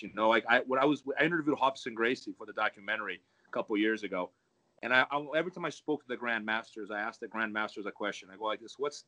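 A man's voice: lowish voice, sharp tone, poor audio. A jiu-jitsu coach talking in a casual chat, reflective and repeating words as he searches for them.

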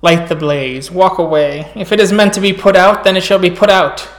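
A man's voice: high-pitched, fairly even intonation, normal speed, roomy sound, lightly acted. A man voicing an ominous fire spirit in a tabletop game, a fire demon speaking tersely and solemnly in a crackling voice. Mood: commanding. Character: ominous fire spirit demanding trees be burned. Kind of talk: tabletop role-play character acting.

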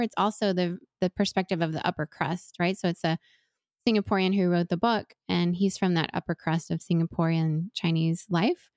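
A woman in her forties who grew up in Venezuela talks earnestly and thoughtfully as a guest in a reflective interview, often restarting her sentences. Her voice is lowish, and the recording is dry with clean studio sound.

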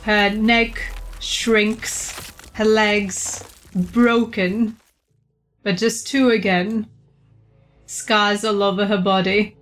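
A woman's voice: mid-range voice, fairly even intonation, drawn-out words, fairly bright tone, soft background music. A woman narrating as game master in a tabletop game, often laughing between lines.

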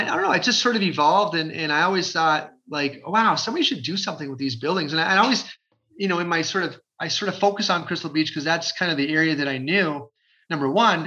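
A man in his forties from Ontario, Canada, talking as an interview guest in an energetic, chatty way, with lots of fillers. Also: fairly high pitch. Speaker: guest, realtor. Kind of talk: casual interview talk. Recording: dull lo-fi sound.

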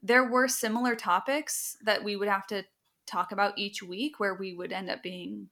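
A woman's voice: medium pitch, steady tone, moderate pace, sharp tone. A young adult woman co-hosting a podcast, speaking in a thoughtful, reflective way with casual fillers. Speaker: podcast co-host. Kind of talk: casual conversation.

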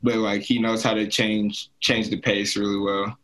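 A man's voice: fairly low pitch, level tone, moderate pace, fairly bright tone, low-quality recording. A young man, a college football player, talking casually on a podcast, laid-back and full of "like". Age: young adult. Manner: laid-back, heavy use of "like".

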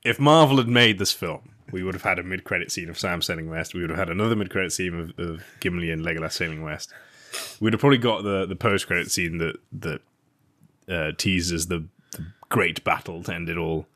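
Podcast co-host, low-pitched man, loose banter, quick to laugh. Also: a bit bright. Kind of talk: casual chat.

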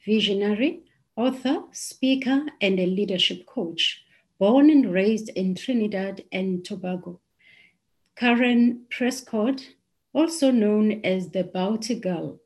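A woman hosting a panel, giving a measured, formal introduction of the next speaker. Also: medium pitch, a little mellow. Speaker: panel host.

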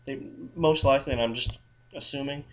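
A man's voice: mid-range voice, steady tone, brisk, low-quality recording. A man who works as a criminal defense lawyer co-hosting a casual legal advice podcast, explaining things in a wry, thinking-aloud way with frequent restarts.

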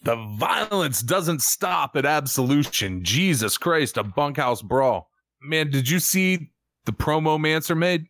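A man co-hosting a casual wrestling podcast, excitable and profane, repeating lines for emphasis. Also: on the high side, measured pace, dry recording. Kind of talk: casual chat.

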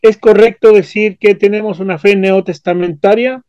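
A man's voice: sits high, steady tone, moderate pace, darkish tone, clean tone, dry recording. A man moderating a church class, briefly reading audience questions aloud. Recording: dull, dry sound from farther off the mic.

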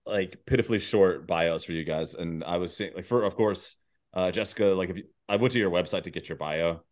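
A low-pitched man talking a little fast runs an interview podcast; he reads scripted introductions, then slips into casual, self-deprecating talk with guests.

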